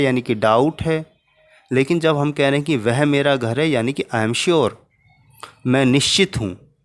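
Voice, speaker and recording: A man teaching a Hindi grammar lesson to children, patiently spelling out each example. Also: on the high side.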